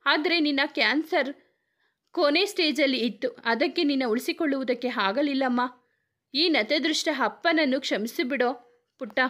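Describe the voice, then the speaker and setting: A woman's voice: high-pitched, normal speed, fairly bright tone. A woman voicing a grieving male police officer who is a loving father, speaking tenderly and pleadingly.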